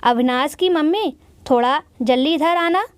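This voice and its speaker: Woman reads indignant middle-aged father, scolding, high voice, dry sound. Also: unhurried, no room sound. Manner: defensive and scolding.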